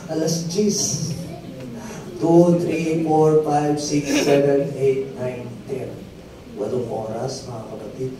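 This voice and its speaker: A man's voice: mid-range voice, flat delivery, slow pace. A man preaching a sermon as pastor, telling stories and calling again and again for the crowd to answer "amen". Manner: call-and-response, keeps asking the crowd for "amen"; storytelling testimony with rising emphatic peaks. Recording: very echoey hall, mic far off, faint noise.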